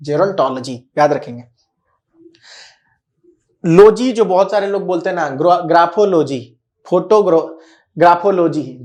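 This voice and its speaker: A male teacher giving a recorded lecture, explaining patiently, repeating key words slowly and often asking whether students are following. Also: on the high side, darkish tone. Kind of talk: recorded classroom-style lecture.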